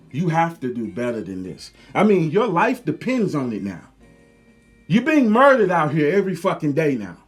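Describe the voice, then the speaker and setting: Brief: heated preachy male commentator, high and very animated, faint music bed. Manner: heated, profane, preachy, repetitive. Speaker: video commentator. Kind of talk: angry rant to camera.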